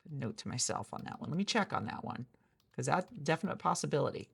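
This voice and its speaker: In a friend's office, a woman performs a soft-spoken ASMR roleplay as a hiring manager, chatty and rambling with many restarts. Her deep voice is animated, fast and slightly rough, with vocal fry.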